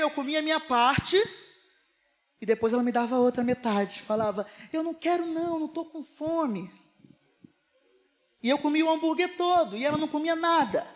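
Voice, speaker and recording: High-voiced impassioned Carioca pastor. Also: male voice, a little fast. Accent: Carioca Brazilian Portuguese. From Rio de Janeiro, Brazil. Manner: impassioned, swinging from hushed storytelling to shouted exhortation. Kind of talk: live preached sermon. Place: church service before a live congregation.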